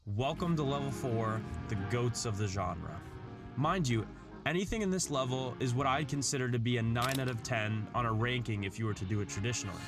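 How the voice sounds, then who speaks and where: This man speaks at medium pitch and a brisk pace, delivering earnest, well-articulated scripted narration in video-essay style. Music plays beneath his voice.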